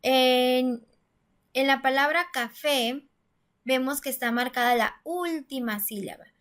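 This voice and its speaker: A woman's voice: high voice, slow pace, fairly bright tone. A woman teacher giving a step-by-step grammar lesson, patiently explaining and saying syllables aloud with stress. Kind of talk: classroom-style grammar lesson.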